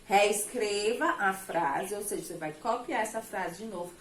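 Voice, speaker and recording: A Brazilian woman teaching a recorded children's lesson. She talks warmly to her pupils and checks their understanding often. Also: mid-range voice, moderate pace. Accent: Brazilian Portuguese. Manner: affectionate, checks in with "tá certo?" often. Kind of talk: remote class lesson for children. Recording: echoey room, faint background noise.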